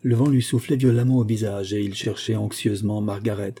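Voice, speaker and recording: A man giving steady, measured scripted narration of a classic novel as an audiobook reader. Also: on the low side, breathy edge.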